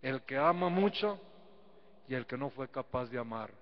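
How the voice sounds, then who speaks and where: A man's voice: mid-range voice, expressive, normal speed. A priest giving a folksy sermon at Mass. He teases his listeners, asks rhetorical questions and calls on the congregation to answer, then leads a prayer. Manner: folksy, teasing preaching. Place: church sanctuary. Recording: dull lo-fi live stream with long church reverb.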